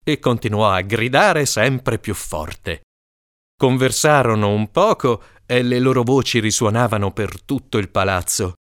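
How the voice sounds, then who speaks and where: A man narrating a comic folk tale in an animated storytelling manner. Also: mid-range voice, unhurried, no room sound, clean studio sound. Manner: lively, animated storytelling with character voices.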